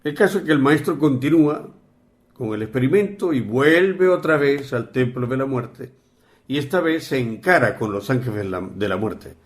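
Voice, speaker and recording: A man's voice: medium pitch, moderate pace. A man who is an interview guest telling an anecdote on a radio show, acting out the speech he quotes. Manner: animated storyteller who acts out quoted speech.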